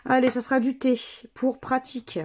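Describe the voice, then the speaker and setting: A woman's voice: high voice, little pitch movement, moderate pace, darkish tone. A woman vlogger talking casually as she plays scratch games, methodically spelling out letters and numbers one by one. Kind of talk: casual commentary while playing scratch games.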